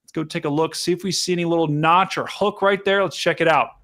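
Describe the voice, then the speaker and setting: A man's voice: on the high side, steady tone, fast talker, fairly bright tone. A man hosting a live weather stream, explaining radar to viewers in a casual but urgent, hyped way. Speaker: livestream host commentating on storm chase. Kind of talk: live weather commentary to chat.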